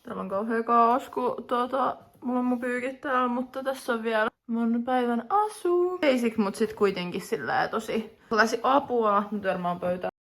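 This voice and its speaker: A young woman in her twenties, casually vlogging to a phone camera at home, chatty and upbeat with lots of fillers. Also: fairly high pitch. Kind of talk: casual vlog chat to camera. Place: at home, indoors.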